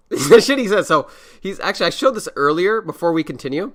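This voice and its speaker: Brief: male stream host, bright and slightly high voice, slangy and mocking chat. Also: big pitch swings, a little fast. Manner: loose, laughing, slangy and scornful. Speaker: livestream host. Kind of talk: casual reaction stream chat.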